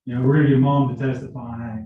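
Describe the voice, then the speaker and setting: A man's voice: mid-range voice, level tone, fast, heavy reverb, far from the mic, phone-quality sound, a little hiss or hum. A man questioning potential jurors in a conversational, explaining way, often repeating his words. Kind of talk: jury selection questioning. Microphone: video call.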